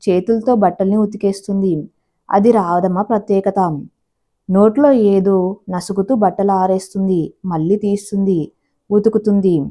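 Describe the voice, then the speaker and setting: A woman telling a domestic story in steady, measured scripted narration. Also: medium pitch.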